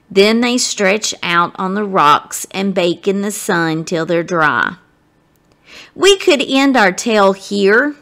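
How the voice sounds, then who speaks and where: Reading slowly in a medium-pitched voice, a guest story reader brings a children's storybook to life. Her delivery is expressive and dramatic, and she speaks straight to her listeners.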